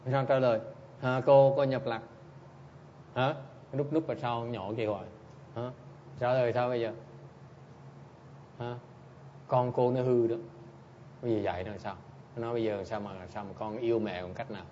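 A male Buddhist teacher gives a dharma talk, speaking bluntly and teasingly and often tossing short questions back at his listeners. His voice sits at a middle pitch. The recording is dull and lo-fi, with a faint hiss underneath. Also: fairly even intonation, normal speed, pauses often, mellow.

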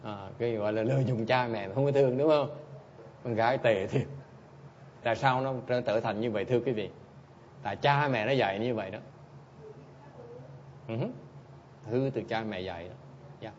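A man's voice: medium pitch, normal speed, long pauses, dull audio, slight background noise. A man giving a dharma talk as a Buddhist teacher, speaking bluntly and in a teasing way as he answers listeners and keeps prompting them with short questions.

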